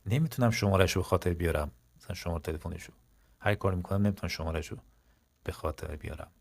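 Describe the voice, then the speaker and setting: Low-voiced man teaching French slowly. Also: vocal fry. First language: Persian. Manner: slow, deliberate French model sentences, quick casual Persian asides. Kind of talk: language lesson, explaining in Persian.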